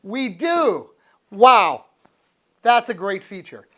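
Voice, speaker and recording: Taking it slowly in a high, sing-song voice, an American man in his sixties casually reviews a product and thinks aloud, unscripted and in a folksy, easygoing way. He's indoors in a living room with a couch, and the background is noisy.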